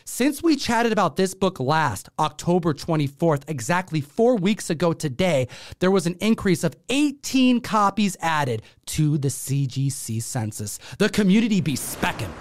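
A man's voice: fairly high pitch, very animated, moderate pace, no room sound, studio quality. A man co-hosting a top ten countdown show, presenting in a slangy, hyped-up way. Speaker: co-host of comic book countdown show.

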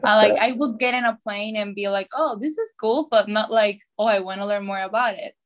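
A young woman from Venezuela, chatting in an interview with a lively, filler-heavy manner. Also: mid-range voice, brisk. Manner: chatty, lively, lots of "like" and "you know". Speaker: podcast co-host, guest. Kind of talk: casual interview.

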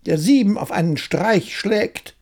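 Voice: mid-range voice, expressive, a little slow, a little mellow, pitched above the performer's own voice. A reader voicing a cheeky, boastful young tailor from a fairy tale, bragging cheerfully. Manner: brags cheerfully.

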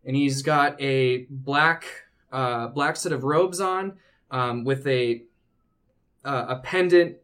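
A man narrating a tabletop game as game master, improvising descriptions and pausing to find his words. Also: medium pitch, a bit bright.

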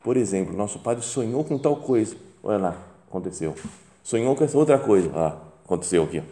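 A man's voice: on the low side, lively intonation, fairly quick, warm tone. A man with a Brazilian Portuguese accent, a priest leading a meditation, telling anecdotes in a chatty way and acting out the people he quotes. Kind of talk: anecdotal storytelling in a spiritual talk.

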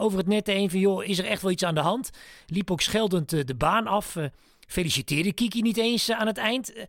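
A man presenting a sports broadcast, asking an expert questions in a halting way with many hesitation fillers. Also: high voice, no echo, clean studio sound. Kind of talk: interviewing an expert.

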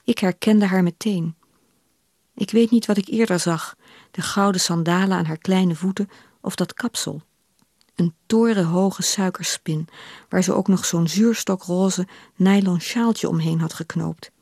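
Woman reading literary fiction on radio, measured pace, dry close studio mic. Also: fairly low pitch, darkish tone, no echo. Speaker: reader of her novel.

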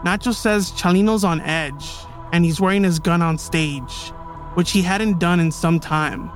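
High-voiced man narrating a documentary podcast. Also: unhurried. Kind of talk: scripted documentary storytelling. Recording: music bed behind the voice.

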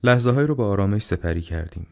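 A man narrating an audiobook in a measured, calm and unhurried way. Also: on the low side, gravelly.

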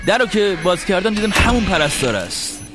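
A man hosting a show, telling a funny personal story in a lively monologue and acting out the dialogue. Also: high voice, over loud music. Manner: animated, acts out quoted dialogue. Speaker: show host.

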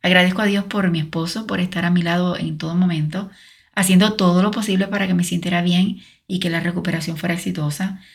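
A woman's voice: lowish voice, steady tone, fast, vocal fry. Earnest woman sharing a faith testimony. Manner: earnest, speaks directly to the listener. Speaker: podcast host sharing a personal testimony. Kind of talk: faith testimony told to the listener.

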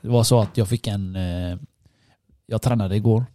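A man's voice: lowish voice, steady tone, warm tone. A worn-out man in casual chat, telling a story with lots of swearing. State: tired, worn out.

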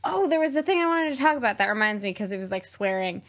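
A woman's voice: medium pitch, lively intonation, fast talker. A woman co-hosting a podcast in casual chat, rambling with lots of fillers and laughs. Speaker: podcast co-host.

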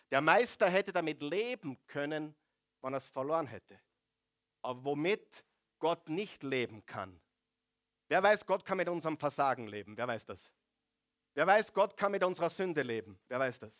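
Preacher, lively and questioning, mid-high voice, big swings in loudness. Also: male voice. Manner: animated, rhetorical questioning of the congregation. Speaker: pastor. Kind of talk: sermon.

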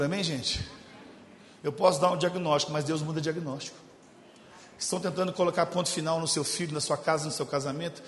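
A man with a Brazilian accent preaching a humorous sermon as a pastor, telling stories and moving between loud, animated stretches and quiet, intimate ones. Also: a little high, a little hiss or hum. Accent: Brazilian Portuguese. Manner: storytelling, jokes with the congregation, shifts from loud to hushed. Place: church hall. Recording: echoey church hall.

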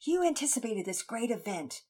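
A woman voicing a cheerful, gentle father in a read-aloud story, explaining things patiently to his children. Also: a little high, very animated, moderate pace, husky, voice pushed up. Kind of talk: storybook reading.

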